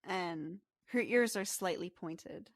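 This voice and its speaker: A woman's voice: lowish voice, slow pace, dry recording, studio quality. A woman narrating a tabletop game as game master, describing scenes with small hesitations.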